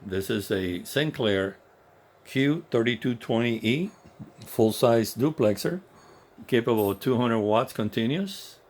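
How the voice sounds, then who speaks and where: This man's mid-range voice is expressive and a little slow. Not a native English speaker, he works as a radio technician and gives a relaxed, enthusiastic walkthrough of repeater equipment. The setting is an indoor home workshop for electronics, with clear background noise.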